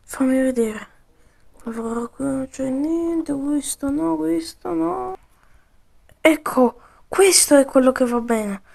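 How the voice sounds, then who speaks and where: Woman gaming, high voice, unhurried, jokey slangy role-play, sudden yells. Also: creaky. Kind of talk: improvised game role-play commentary.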